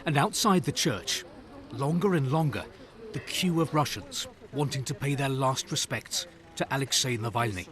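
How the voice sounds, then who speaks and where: A man narrating a scripted news report as a correspondent, solemn and measured, in short phrases. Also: mid-range voice, lively intonation, fairly bright tone.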